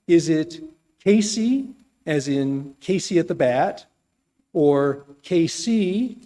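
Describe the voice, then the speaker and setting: Gracious man with a slightly high voice. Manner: measured, gracious, gently humorous. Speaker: Sunday officiant introducing the speaker. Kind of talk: formal congregational introduction. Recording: long hall reverb.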